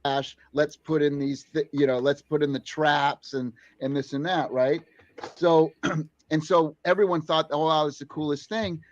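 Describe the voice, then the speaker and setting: A man making a casual, persuasive pitch in conversation, halting and repeating himself earnestly, heard on lo-fi playback. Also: steady tone, no room sound. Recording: dull, dry, lo-fi played-back audio.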